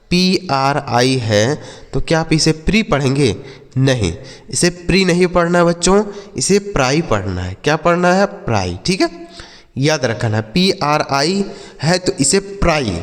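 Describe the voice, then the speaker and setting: A man's voice: a little high, big-room sound. A man teaching children to read English, spelling words out letter by letter, quizzing them and repeating each answer. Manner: sounds out letters slowly, keeps quizzing the listener; calls listeners "children" and "my brother".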